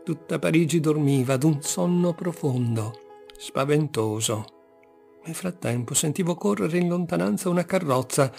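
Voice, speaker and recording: A man reading a literary story aloud in a theatrical way, dropping to hushed murmurs and rising to loud outbursts. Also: fairly high pitch, gravelly. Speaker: audiobook reader. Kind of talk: dramatic literary narration.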